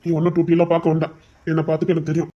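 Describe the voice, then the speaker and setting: A woman doing a stubborn police dad, Tirunelveli Tamil accent, soft cooing baby talk, quick speech. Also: deep voice, completely flat delivery, husky, highs cut off. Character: doting stubborn father, male police officer. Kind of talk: comedy skit acting.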